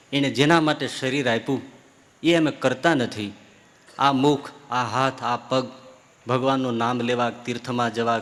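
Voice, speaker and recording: A man giving a religious discourse as a swami, telling stories and acting out the people in them with big swings of pitch and loudness. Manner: acts out story characters with swings of pitch and loudness. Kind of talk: sermon with storytelling. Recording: long hall reverb.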